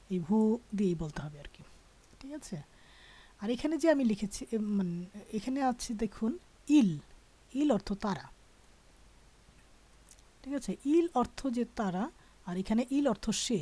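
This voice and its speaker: Woman language teacher, mellow and higher-pitched, patient, checks in after every point. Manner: patient, explains step by step, often asks "all right?". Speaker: French teacher. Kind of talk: teaching a grammar lesson.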